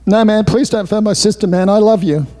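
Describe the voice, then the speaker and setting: A man's voice: high-pitched, brisk, mellow, voice pushed up, close to an everyday voice. A man voicing a drunk homeless man who pleads and whines with his friend, in a roomy hall. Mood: pleading. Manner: pleading, whining.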